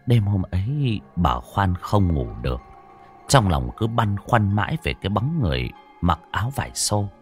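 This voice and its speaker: A man narrating a ghost story with dramatic, animated delivery, rising and falling to build suspense. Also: low voice, moderate pace, soft background music.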